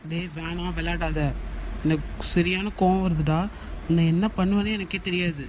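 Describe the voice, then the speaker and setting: A heartbroken young man from a homemade cartoon, pleading and quick to anger, acted by a performer. His voice sits at a middle pitch, and a faint hiss runs underneath. He talks insistently, repeating his appeals. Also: steady tone, darkish tone, lightly acted. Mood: angry. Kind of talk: amateur cartoon voice acting.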